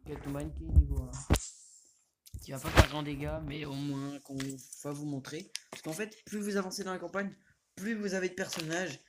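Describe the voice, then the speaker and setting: A man's voice: fairly high pitch, normal speed, heavy background noise. A young man from France giving casual, rambling commentary while playing a fighting game, now and then talking back to the screen. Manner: rambling, excitable, mutters to the game. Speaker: gaming youtuber. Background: game music.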